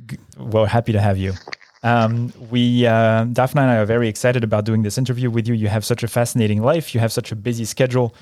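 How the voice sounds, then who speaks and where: A man's voice: medium pitch, level tone, fast talker, darkish tone, slight background noise. A man hosting a podcast, introducing and questioning a guest with a friendly, slightly hesitant manner. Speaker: podcast host. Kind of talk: podcast interview.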